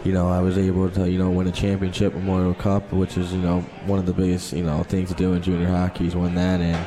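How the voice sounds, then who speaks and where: A man's voice: deep voice, completely flat delivery, fast, a crowd in the background. A young man answering interview questions casually as a guest athlete, leaning heavily on "you know". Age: young adult. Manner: frequent "you know" filler. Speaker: hockey player guest.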